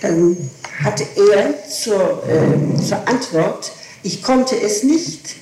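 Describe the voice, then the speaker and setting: Under questioning, a woman at medium pitch tells what happened in an animated way, drawing out her words, insisting on details and correcting herself repeatedly. The old interrogation tape, made in an echoing room, is heavily echoey and full of noise.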